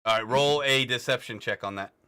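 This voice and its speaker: Bright-voiced man running a game. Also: medium pitch, fairly quick, clear, resonant tone. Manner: casual, swearing, laughing narration. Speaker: game master. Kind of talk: narrating a tabletop game.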